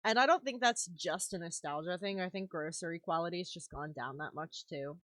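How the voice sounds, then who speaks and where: Low-voiced woman streamer chatting while she crafts, swears a lot, dry close mic. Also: brisk, fairly bright tone, no room sound. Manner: chatty, swears casually, laughs often. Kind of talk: casual live-stream chat while crafting. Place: home craft room.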